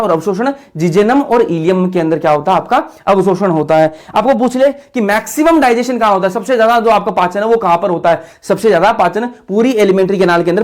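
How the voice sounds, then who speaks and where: Male tutor, high voice, quizzes the class over and over, lecturing over a diagram. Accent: Hindi-speaking north Indian. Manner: asks a question, then repeats the answer; drills the class with call-and-response questions. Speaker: biology teacher.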